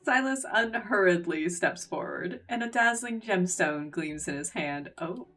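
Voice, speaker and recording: A woman's voice: fairly low pitch, lively intonation, unhurried, sharp tone, far from the mic, soft background music. A woman streamer reading a game's story aloud, with casual joking asides. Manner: reads narration aloud, breaks into laughing asides. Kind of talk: game reading and reaction.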